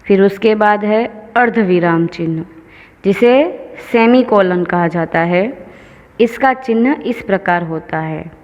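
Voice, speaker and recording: A woman teacher giving a slow, patient grammar lesson, explaining each example step by step. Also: mid-range voice, darkish tone. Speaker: school teacher. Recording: lo-fi with long reverb.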